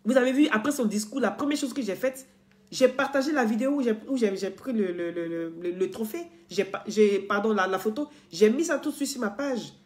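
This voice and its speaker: A woman's voice: a little high, fairly quick, a little mellow. A woman blogger talking straight to her followers in an earnest, lecturing way, repeating herself and restarting often. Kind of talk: casual direct-to-camera talk.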